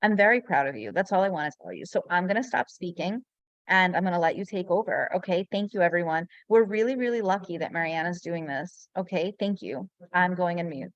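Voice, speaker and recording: A woman's voice: lowish voice, brisk, dry recording, lo-fi sound. A woman hosting a video-call webinar, gushing and getting emotional as she praises a former student. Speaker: webinar host.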